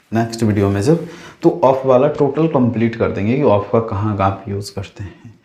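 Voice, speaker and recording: A man's voice: medium pitch, warm tone, reverberant. A man teaching a casual grammar class, repeating phrases and checking that the viewers understand.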